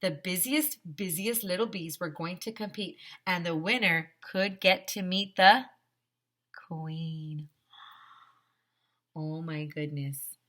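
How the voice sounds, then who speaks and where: Low-ish, slow, pushed, and bright, her voice carries an animated picture-book reading for young children. As a teacher, she exaggerates emphasis and breaks off to ask the listeners questions directly.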